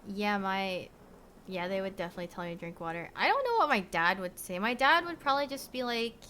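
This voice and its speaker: A young Korean-born woman chats casually with stream viewers from her bedroom at home, rambling with plenty of "like" and "you know" and letting sentences trail off softly. She speaks briskly in a mid-range voice, with a slight hiss or hum in the audio.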